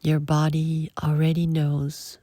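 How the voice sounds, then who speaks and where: A woman guides a meditation in soft, breathy short phrases separated by long pauses, often trailing off toward a whisper. Her voice sits low and her delivery is completely flat. The recording is dry and of studio quality.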